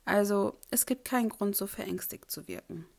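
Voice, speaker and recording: A woman's voice: mid-range voice, moderate pace, creaky, darkish tone. Woman voicing a kindly old male professor. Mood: reassuring. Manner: reassuring.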